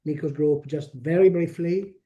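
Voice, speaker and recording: A man with a strong Italian accent presenting a technical webinar, speaking haltingly with frequent pauses and restarts. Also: on the high side, warm tone, lo-fi sound. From Italy. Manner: halting, many fillers and restarts.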